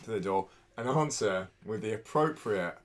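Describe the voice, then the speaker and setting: A man's voice: fairly low pitch, expressive, normal speed. A man playing a tabletop role-playing game, describing his character's actions and laughing mid-sentence. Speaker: player.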